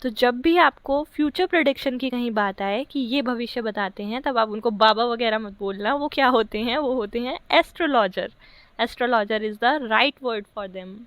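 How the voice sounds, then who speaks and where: High-voiced woman teaching grammar. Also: fairly bright tone, dry recording. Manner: asks rhetorical questions, reads sentences slowly. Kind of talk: exam-prep lesson.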